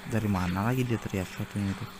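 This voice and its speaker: A man's voice: fairly low pitch, quick pace, background noise. Chatty man commenting on gameplay. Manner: chatty, exclaims at jump scares. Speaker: gaming YouTuber.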